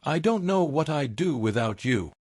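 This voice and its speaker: A man voicing an upset, scared teenage girl who speaks quietly and haltingly in a story reading. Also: on the high side, big pitch swings, no echo, studio quality. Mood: tearful.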